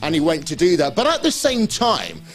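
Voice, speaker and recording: A man's voice: on the high side, wildly swooping pitch, fairly quick. A man with a British accent presenting after a race, upbeat as he reads out results and sets up interviews. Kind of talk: post-race studio presenting.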